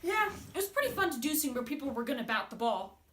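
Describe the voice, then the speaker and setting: A woman voicing young Sherlock, a clever, bored, know-it-all boy, acting in an amateur audio drama. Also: high voice. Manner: cocky, excitable, quick to complain of boredom. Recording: roomy echo, faint noise.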